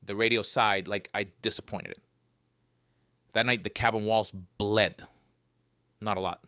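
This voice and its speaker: A man's voice: fairly low pitch, steady tone, a little slow, sharp tone, dry recording, studio quality. A man telling a scripted first-person horror story with a wry, joking edge. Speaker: narrator.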